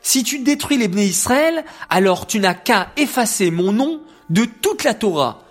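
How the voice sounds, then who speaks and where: A woman's voice: a little high, big pitch swings, unhurried, voice pushed up. A woman voicing Moses as a pleading grown man in a children's storybook.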